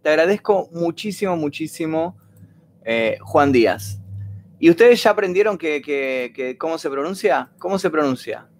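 A man's voice: on the high side, expressive, normal speed, slight background noise. A man with an Argentine accent hosts a casual livestream, rambling, reading viewers' stories aloud and thanking donors at length. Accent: Argentine Spanish. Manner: reads viewer messages aloud.

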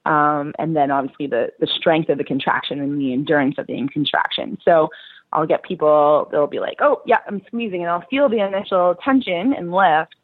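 A woman's voice: sits low, moderate pace, no echo. A woman therapist explaining pelvic floor care in an interview, her voice coming through a tinny phone line, reassuring and practical with frequent fillers.

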